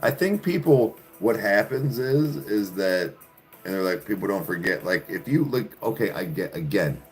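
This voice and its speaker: A man's voice: lowish voice, expressive, moderate pace, soft background music. A man hosting a podcast, ranting sarcastically in casual chat with plenty of profanity. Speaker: podcast host. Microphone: studio podcast mic.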